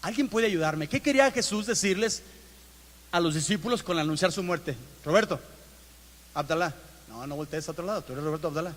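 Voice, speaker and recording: A man's voice: fairly high pitch, brisk, a bit bright. A Mexican man preaching a conversational sermon, asking his congregation questions and acting out everyday inner dialogue. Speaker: pastor. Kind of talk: interactive sermon. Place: church auditorium. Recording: long church hall reverb.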